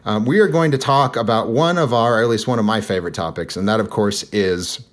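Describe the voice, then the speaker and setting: A man's voice: on the low side, fairly quick. A man hosting a podcast in a casual, joking way, with plenty of fillers and a sarcastic streak. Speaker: podcast host.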